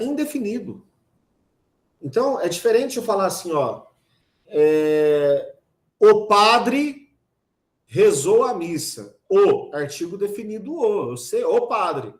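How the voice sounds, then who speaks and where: Lively Brazilian teacher in an echoey room. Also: male voice, high voice. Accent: Brazilian Portuguese. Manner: lively, talks straight to students, teasing asides. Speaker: Portuguese language teacher. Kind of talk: online class lecture. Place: online video class.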